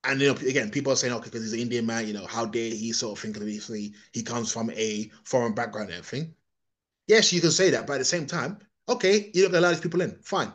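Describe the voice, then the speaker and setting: An English podcaster with a medium-pitched, fairly bright voice talks fast through a rambling monologue full of opinions, repeatedly restarting and repeating himself.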